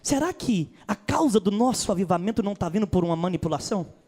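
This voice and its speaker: A man's voice: sits high, lively intonation, quick pace, mellow. A Brazilian man, a pastor, preaching a sermon with a Brazilian Portuguese accent and big dramatic swings in his voice.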